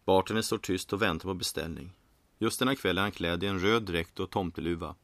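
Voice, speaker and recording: A man narrating a comic tale in a low, gravelly voice with a dry, matter-of-fact delivery. He is recorded close with almost no room sound. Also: fairly bright tone, no room sound.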